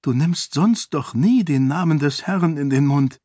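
A man reading a young noblewoman's lines in a raised, higher voice in an audiobook. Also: lively intonation, unhurried, no echo, clean studio sound. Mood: astonished. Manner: lifts his voice high and bright for her. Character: young noblewoman, stunned, quick-witted. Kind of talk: audiobook character voice.

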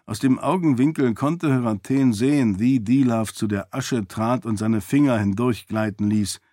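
A man narrates a fantasy novel in an even, measured way, his voice at a middle pitch. The sound is dry and close, with no room around it. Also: dry recording. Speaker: audiobook narrator.

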